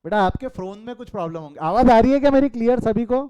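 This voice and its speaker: A man's voice: very high voice, animated, fast, mellow, smooth, dull audio. A middle-aged man with an Indian accent teaching a live online commerce class, mixing Hindi and English, quizzing his students and breaking off into chatty asides.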